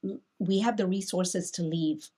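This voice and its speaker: A woman's voice: on the low side, a little slow, husky. Reflective woman pastor thinking aloud. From Hong Kong. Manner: reflective, thinks aloud with restarts and animated asides. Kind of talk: conversational Bible discussion.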